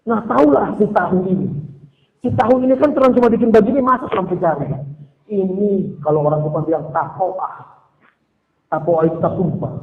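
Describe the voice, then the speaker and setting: Animated high-voiced pastor preaching, echoey hall. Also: male voice, normal speed, phone-quality sound. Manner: animated preaching with acted-out quotes. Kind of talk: sermon. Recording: echoey hall with long reverb.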